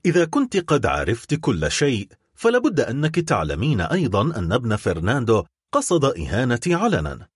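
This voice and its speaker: A man's voice: medium pitch, huge pitch swings, fairly quick, breathy edge, no echo, clean studio sound. A man reading a harsh, vengeful nobleman. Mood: cold bitter. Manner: harsh, biting sarcasm. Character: cold vengeful middle-aged nobleman, bitterly sarcastic. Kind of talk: dramatic audiobook reading.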